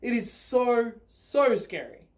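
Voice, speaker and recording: A vlogger rambles through personal stories for viewers, informal and sweary, often on the verge of laughing. The voice is medium-pitched and gravelly, slow with a sing-song lilt.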